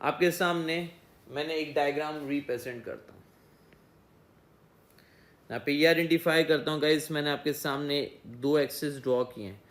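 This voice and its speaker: A man's voice: on the high side, normal speed, pauses often, a bit bright. A man teaching an economics lesson in speech, asking himself questions and answering them over and over. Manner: repetitive question-and-answer explaining. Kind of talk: recorded classroom lecture.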